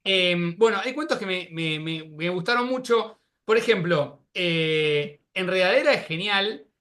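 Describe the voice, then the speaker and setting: A man hosting an interview, supportive and quick with short agreements. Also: high voice, expressive, pushed and bright. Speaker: interviewer host. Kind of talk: interview conversation.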